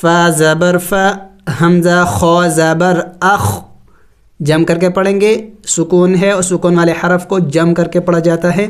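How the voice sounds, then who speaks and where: Clear-voiced man teaching Quran recitation. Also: sits high. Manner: slow drawn-out recitation between plain explanations. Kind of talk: spelling out and reciting Arabic letter by letter, then explaining rules.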